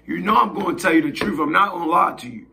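A hoarse man hosting his own show, giving blunt, slangy casual commentary and often asking "you feel me". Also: a little high, fast, sharp tone, a little hiss or hum. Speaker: host.

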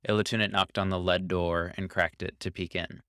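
A man with a deep, low, smooth and resonant voice narrates a scripted short story calmly and evenly, at a slightly fast pace. The recording is dry and close, with no echo or room sound.

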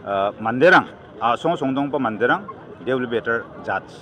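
Outdoors at an evening gathering, with crowd noise all around and news microphones held close, a middle-aged candidate with a Northeast Indian accent fields a press interview argumentatively and emphatically, slipping into English. His medium-pitched voice is slightly bright, lively, and fairly quick.

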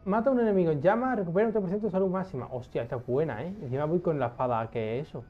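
A young man giving casual gameplay commentary, excitable, swearing often and talking to himself as he plays. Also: on the high side, very fast, phone-quality sound. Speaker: gaming streamer.

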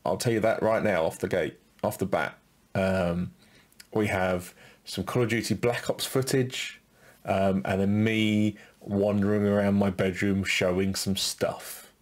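A man co-hosting a podcast, talking in a relaxed, halting way as he thinks aloud. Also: lowish voice. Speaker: podcast co-host. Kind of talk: casual podcast commentary.

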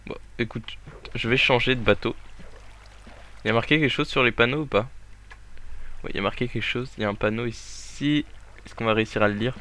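A young man with a bright, forward voice narrates his game run. His commentary is playful and excitable. He chats to the game as he goes, at an even middle pitch. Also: brisk, long pauses. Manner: excitable, jokey, talks to the game. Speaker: gaming YouTuber. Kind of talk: let's play commentary.

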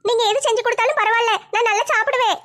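A woman's voice: very high-pitched, steady tone, racing, a bit bright, pitched above the performer's own voice. A woman voicing a young, apologetic sister-in-law in a comedy family skit. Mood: meek. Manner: pleading, apologetic.

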